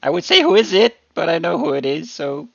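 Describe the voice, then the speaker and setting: A man's voice: fairly high pitch, sing-song, fairly quick, gravelly, fairly bright tone, no room sound, highs cut off, voice pushed up, heavily acted. A man voicing a creepy witch woman who always knows who is at her door. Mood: creepy welcome. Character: creepy knowing female witch.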